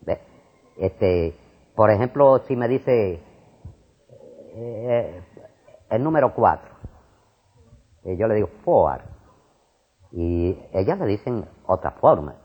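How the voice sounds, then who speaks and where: An older Puerto Rican man talks in an animated, rambling way, his voice rising and falling widely and repeating words as he goes. His tone is slightly husky. The recording is dull and lo-fi. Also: fairly low pitch, takes it slowly, long pauses. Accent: Puerto Rican Spanish. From Puerto Rico. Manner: animated and discursive, repeats words, frequent fillers. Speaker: interviewee, retired school principal. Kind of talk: casual conversation. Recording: muffled lo-fi recording.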